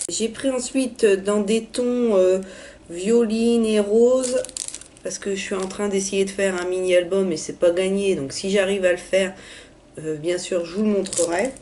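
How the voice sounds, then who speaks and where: A hoarse young woman, raspy from being ill, chatting through a casual haul video with many hesitations. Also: medium pitch, mellow, slight background noise. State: hoarse from illness. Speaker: vlogger.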